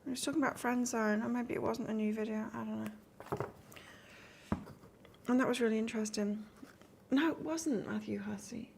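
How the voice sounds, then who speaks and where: Gravelly-voiced woman with mixed English-Australian accent. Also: on the high side, normal speed, a little mellow, a little hiss or hum. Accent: mix of northern English and Australian. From north of England. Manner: chatty, rambling, chats with viewers between cards. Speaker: tarot reader. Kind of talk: live-stream tarot reading, casual chat.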